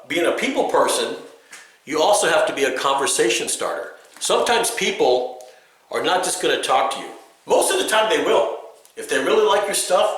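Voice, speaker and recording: Guy musician giving casual tips, emphatic, pitch swings all over, sounds far off in a big echoey room. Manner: lively, emphatic, keeps checking in with the viewer. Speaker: acoustic musician teaching beginners. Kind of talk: casual spoken instruction. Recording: very echoey room, distant mic.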